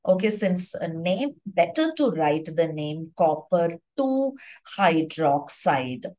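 A woman teaching an exam-focused chemistry lesson, dictating slowly and repeating phrases so students can write notes, with small fillers and self-corrections. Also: lowish voice, big pitch swings, dark tone, rough recording. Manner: slow, deliberate dictation with repeated phrases for note-taking.

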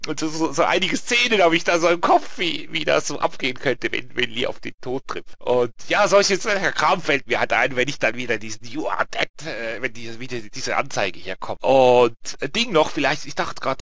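Lively rambling male gamer. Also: mid-range voice, normal speed, vocal fry, hardly any pauses, no echo. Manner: rambling and animated, with many restarts and tag questions. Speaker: let's play gamer. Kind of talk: casual chat to viewers.

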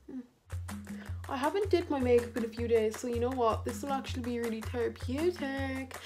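A young Irish woman chatting casually through a makeup vlog in her bedroom, rambling and goofy, with sudden loud silly outbursts. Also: on the high side. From Ireland. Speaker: vlogger.

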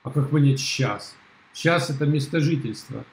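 A man's voice: mid-range voice, moderate pace, rough recording. A middle-aged man on a video call at home, arguing in a blunt, mocking, dismissive way. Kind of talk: heated casual argument.

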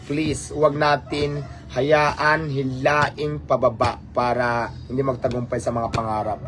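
With faint music behind him, a man from the Philippines hosts a live stream, speaking casually to viewers with a Filipino accent in an exasperated, rhetorical manner and sprinkling in English phrases. His voice is medium-pitched, level, a little slow, and fairly bright.

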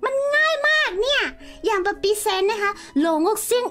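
A woman's voice: very high voice, expressive, normal speed, a bit bright, soft background music. A woman streamer playing an English teacher, theatrical and exaggerated in a playful chat.

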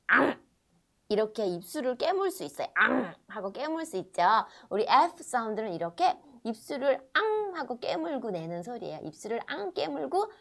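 A middle-aged woman with a Korean accent teaching children phonics, drawing out English words in a sing-song way and explaining quickly in Korean. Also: fairly high pitch.

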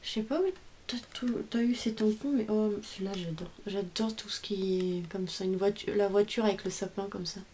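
A woman hosts a homemade craft video, gushing in a casual, chatty way as she shows off each card and stamp. Her voice is soft and mellow. A faint hiss runs under the home recording. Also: mid-range voice, steady tone. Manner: chatty, gushing over each item, reads English phrases haltingly. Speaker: craft channel host opening mail. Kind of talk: casual unboxing chat.

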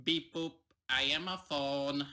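A man voicing a talking phone with a flat, mechanical, computer-like delivery. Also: a little high, slow pace, pitched below the performer's own voice, heavily acted. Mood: robotic. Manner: flat, mechanical, beeping speech. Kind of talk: comedic skit voice.

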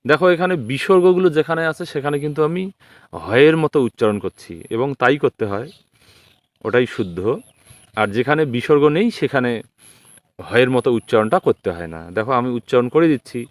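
A man with a Bengali accent teaches an exam-prep lesson over typed slides, patient and methodical as he recites each form in turn. His voice sits at an ordinary middle pitch. The sound is dry and close, with no room around it. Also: lively intonation, dry recording. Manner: patient, explains step by step and recites declensions slowly.

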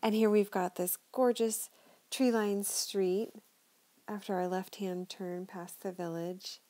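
A middle-aged woman narrates a neighborhood driving tour from inside a car. Her voice is mellow and warm, and her manner is chatty and enthusiastic. She talks like a friendly local guide. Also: medium pitch, fairly even intonation, slow pace.

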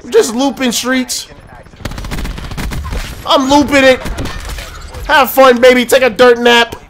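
A young man giving excitable, trash-talking commentary over his own gameplay, often laughing. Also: extremely high pitch, slow pace, a little hiss or hum. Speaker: gaming YouTuber. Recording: faint game gunfire behind. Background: gunfire.

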